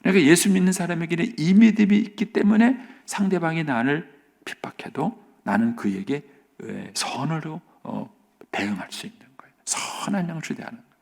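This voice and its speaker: A middle-aged man with a gravelly, creaky voice delivers an early-morning sermon from a church sanctuary. He speaks earnestly and keeps dropping into a hushed near-whisper to drive home his points. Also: a little high, brisk. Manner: earnest, often drops to a soft near-whisper for emphasis. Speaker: pastor. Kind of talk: dawn service sermon.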